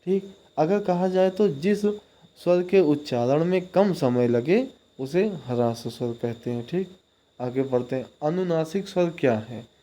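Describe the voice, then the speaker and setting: Male tutor, unhurried and soft-toned, keeps checking if you follow. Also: fairly high pitch, lively intonation. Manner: explains step by step, checks in with "ठीक?" often. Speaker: teacher. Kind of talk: exam-prep lecture.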